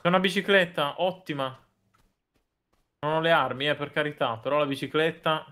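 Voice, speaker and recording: Male streamer, high-pitched, playful jokey game commentary. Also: steady tone, moderate pace, pushed and bright. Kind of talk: casual gaming chat.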